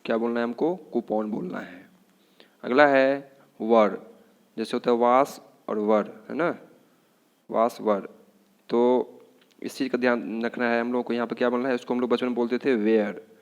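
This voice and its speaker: In a lo-fi recording, a man of medium pitch with an Indian accent, a Hindi speaker, leads a classroom-style English pronunciation lesson. He is repetitive, asking the same questions again and again, especially "what should we say".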